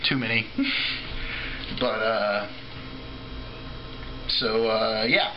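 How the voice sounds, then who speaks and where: A man's voice: fairly low pitch, flat delivery, drawn-out words, dull audio, slight background noise. A man giving an off-the-cuff, drunken, rambling opinion rant as a video blogger, trailing off, restarting and swearing freely.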